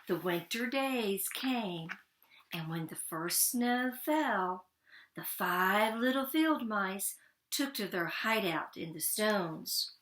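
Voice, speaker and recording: Female storyteller for a children's picture book; unhurried, expressive, mid-pitched, pausing between phrases.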